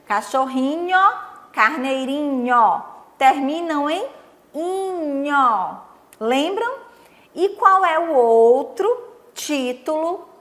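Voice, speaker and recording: A young Brazilian woman teaching young children on a TV lesson, coaxing and sing-song, counting slowly with them. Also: sits high, a bit bright. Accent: Brazilian Portuguese. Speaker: primary school teacher.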